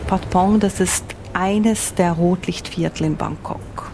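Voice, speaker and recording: Against background noise, a woman with a lowish, steady voice speaks slowly in a Swiss accent. She is a foreign correspondent from Switzerland, offering vivid, explanatory interview answers and rephrasing along the way.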